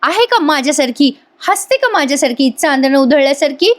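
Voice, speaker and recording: This is a brash, jealous young woman who taunts and bosses a young mechanic, as a female narrator plays her in a TV serial recap. The voice sits high and sharp, with a pushy, teasing edge. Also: lively intonation, fairly quick. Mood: taunting.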